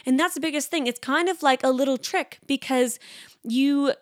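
A young woman in her twenties hosting a casual solo podcast, talking fast and chatty with lots of "like" fillers. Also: high voice, no echo, studio quality. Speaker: podcast host.

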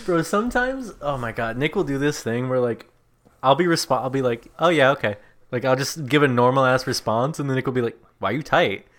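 A young man co-hosting a podcast, chatting casually and telling stories with quick laughs. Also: medium pitch, lively intonation, fairly bright tone. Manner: laid-back storytelling, quick laughs. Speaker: podcast co-host. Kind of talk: casual chat.

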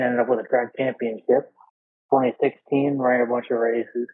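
A man's voice: mid-range voice, slightly rough. A man from New York co-hosting a casual podcast, recounting his racing years in a matter-of-fact, profane way. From New York, USA. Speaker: podcast co-host. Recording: tinny phone-like line.

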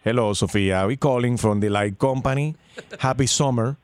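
A man's voice: mid-range voice, normal speed, smooth, dry recording, close to an everyday voice. A man playing a polite electric company agent in a prank call, with scripted patter that mixes in English words. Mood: courteous. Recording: faintly noisy phone call with clicks.

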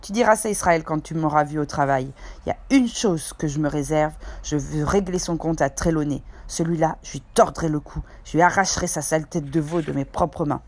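A woman's voice: sits low, brisk, darkish tone. A woman reading aloud, voicing a cunning old male pirate cook who speaks in persuasive, folksy sailor's slang. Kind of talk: audiobook character voice.

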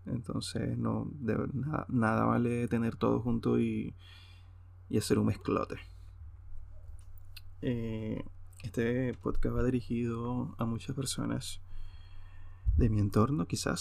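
A man with a Venezuelan Spanish accent hosts a solo podcast, improvising in a hesitant, loose, wandering way. His medium-pitched, gravelly, slightly mellow voice moves slowly with fairly even intonation and frequent pauses, and there's no room sound.

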